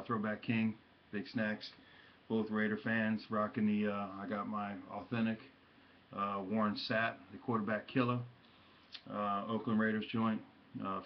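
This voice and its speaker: Low flat-voiced man vlogging, lo-fi sound. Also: slight background noise. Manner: halting, many ums and uhs, slangy shout-outs. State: has hiccups. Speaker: hat and jersey collector vlogger. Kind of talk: casual show-and-tell vlog. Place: his room at home.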